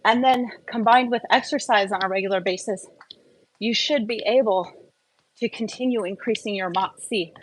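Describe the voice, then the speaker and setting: Speaking at normal speed in a mid-range voice, this woman shares frank opinions in a personal wellness vlog and keeps wandering into tangents. The audio quality is rough.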